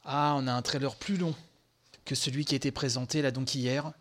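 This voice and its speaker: A man hosting a podcast, reacting live to a game conference, excitable and gushing, with many fillers and sighs, tired from sleepless nights. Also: mid-range voice, a little fast. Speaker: podcast host.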